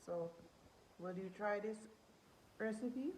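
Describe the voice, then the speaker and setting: A woman vlogger chatting casually on a home cooking vlog, relaxed and talking between bites. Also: medium pitch, slow, reverberant, a little hiss or hum, rough recording. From Jamaica. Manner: relaxed, chatty, speaks with mouth full.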